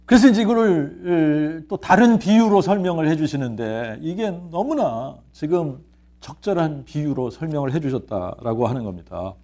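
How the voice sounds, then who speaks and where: A man's voice: fairly high pitch, expressive, moderate pace, dark tone. A man, a pastor, preaching a sermon. He asks rhetorical questions, answers them himself, and repeats key phrases. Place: church sanctuary.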